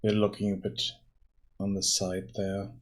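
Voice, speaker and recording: A tired man casually thinking aloud while working on his game during a live stream, pausing and restarting often. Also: sits low, completely flat delivery. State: tired, yawning.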